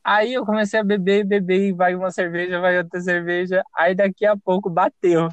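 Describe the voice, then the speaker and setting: Brief: young Brazilian male podcast host, high voice, dry close sound, animated and profane storyteller. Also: fairly quick, clear, resonant tone, no echo. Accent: Brazilian Portuguese. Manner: lively, profane, self-mocking. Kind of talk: casual storytelling.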